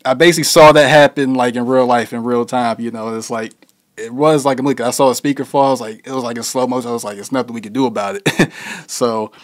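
A young man talks through an interview in an easygoing, unhurried way. His answers wander and loop back, padded with "you know" and "like". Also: medium pitch, fairly even intonation. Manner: laid-back, heavy with fillers like "you know". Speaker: interview guest, musician. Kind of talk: casual interview conversation.

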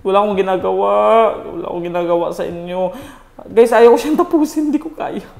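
A man's voice: sits high, expressive, fairly quick, creaky, warm tone. Casting: young guy, jittery let's-play host, laughs and shrieks, roomy noisy recording. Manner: jittery, scolds the game baby, laughs and yelps in fright. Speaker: gaming streamer. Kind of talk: nervous let's-play commentary. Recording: echoey room with noise behind.

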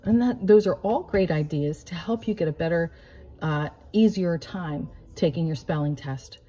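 Husky, mellow American woman teaching young children. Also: lowish voice, moderate pace. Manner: simple explanations with frequent checking questions. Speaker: elementary school teacher. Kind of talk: instructional talk to young children. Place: living room at home, indoors.

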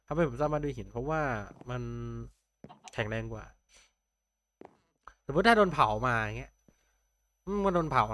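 Young male streamer, casual musing commentary, mid pitch, faint noise. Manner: thinking aloud, chatty, mumbling to himself. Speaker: gameplay streamer.

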